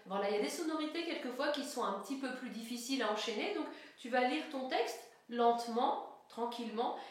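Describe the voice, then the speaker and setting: A woman giving a singing lesson, explaining each step plainly and speaking straight to the viewer. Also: fairly high pitch. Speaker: singing teacher. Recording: very echoey room.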